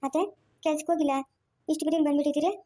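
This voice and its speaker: A woman's voice: high voice, flat delivery, racing, warm tone, natural voice. A woman voicing a remorseful young pregnant daughter-in-law, plaintive and self-blaming. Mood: subdued.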